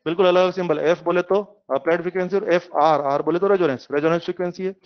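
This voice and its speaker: A middle-aged man teaching physics, lively and questioning, drawing in his students with homely examples. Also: high-pitched, quick pace, muffled recording. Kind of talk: classroom lecture.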